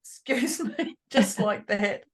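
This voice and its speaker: A woman's voice: mid-range voice, takes it slowly. A woman co-hosting a motivational podcast, chatty and laughing easily, talking through the hiccups. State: has the hiccups. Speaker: podcast co-host. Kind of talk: casual motivational chat.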